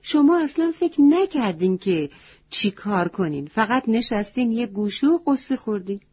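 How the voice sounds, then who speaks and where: A wise goat from a children's story lectures in a high, loud and emphatic voice, put on by a woman. The tone is husky and dark underneath, on a dry, muffled recording. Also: expressive, no echo. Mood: scolding.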